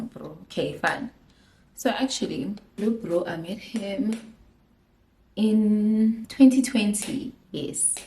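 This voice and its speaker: A young woman with a South African accent, chatting casually through a storytime vlog, giggly and dropping in Zulu phrases while getting ready at home. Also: medium pitch. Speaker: vlogger, makeup artist. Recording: echoey room.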